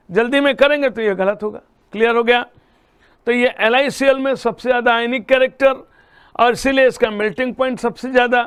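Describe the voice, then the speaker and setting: A man's voice: very high voice, a bit bright, smooth. A man teaching a chemistry lesson, talking students through problems and often checking that they follow. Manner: addresses students as "beta", checks understanding often. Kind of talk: classroom lecture solving problems.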